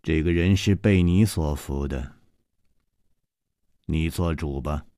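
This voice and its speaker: A male storyteller voicing a stern, cold palace mistress who speaks slowly and quietly. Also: rumbling low, no room sound, clean studio sound, voice pushed down.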